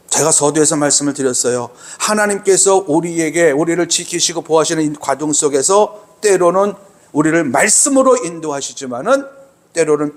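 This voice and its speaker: Male pastor with a high voice, preaching emphatically and repeating key lines. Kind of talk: sermon.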